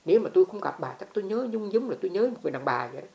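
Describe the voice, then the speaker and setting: A woman's voice: mid-range voice, expressive, rapid-fire, vocal fry, mellow. A woman voicing an eager young man who sweet-talks an old woman. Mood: sweet-talking. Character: young male caretaker, eager to please.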